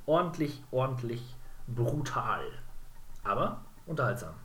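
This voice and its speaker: A man's voice: mid-range voice, expressive, a little slow, pushed and bright. Chatty man rambling through a games podcast. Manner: rambling, many fillers and self-corrections. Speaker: podcast co-host. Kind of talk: casual game podcast chat.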